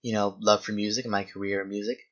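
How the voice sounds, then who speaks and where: Low-pitched and flat, the voice moves fast over dull audio. A young adult video host is answering viewer questions as they game, rambling casually, thinking aloud and correcting themselves often.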